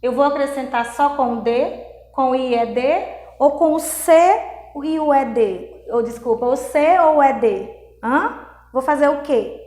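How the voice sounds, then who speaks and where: A high-pitched woman from Brazil teaches English grammar in an unhurried video lesson. She explains each rule step by step and keeps checking in with her students. Her voice carries an echo from the room. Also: warm tone. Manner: reads English examples slowly and clearly.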